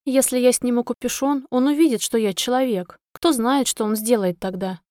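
A woman narrating a first-person fairy-tale story in a lively, expressive way. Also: fairly high pitch, moderate pace, dry recording, clean studio sound. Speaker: audiobook narrator.

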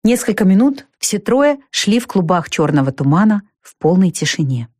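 A woman reading a storybook aloud in a steady, even narrating voice. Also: medium pitch, normal speed, no echo, clean studio sound. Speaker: audiobook narrator.

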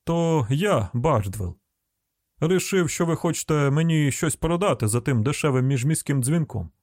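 A man voicing a grumbling older rural man with an Arkansas accent, loud and folksy, in an audiobook reading. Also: a little high, lively intonation, moderate pace, no room sound, clean studio sound, voice pushed up, natural voice.

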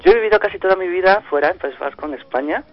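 Over a dull, lo-fi phone line, an Ecuadorian man who organizes a festival is interviewed as a guest. His voice sits high and rapid-fire, and though he hesitates and restarts often, he shows real enthusiasm for his hometown.

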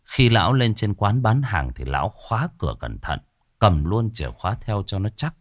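Low-voiced man telling a village horror tale. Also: very animated, no echo. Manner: slow, dramatic, folksy storytelling. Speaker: storyteller. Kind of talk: spoken horror story narration.

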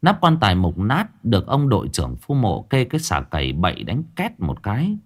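A man narrating a ghost story in a dramatic, vividly expressive style. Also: lowish voice, brisk.

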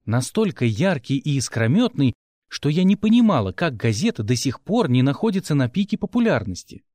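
A man narrating an audiobook with expressive first-person storytelling. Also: medium pitch, a little fast, dry recording, studio quality.

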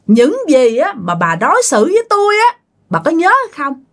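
A woman's voice: high voice, wildly swooping pitch, moderate pace, a bit bright, full character voice. A woman voicing a furious, vengeful female ghost, shrilly hurling accusations at the family that wronged her. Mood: bitter.

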